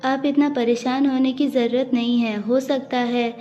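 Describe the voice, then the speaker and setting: A woman's voice: sits high, level tone, moderate pace, warm tone, close to an everyday voice. A woman voicing a worried, loyal younger brother who speaks in a thoughtful, concerned way. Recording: dull audio with faint music.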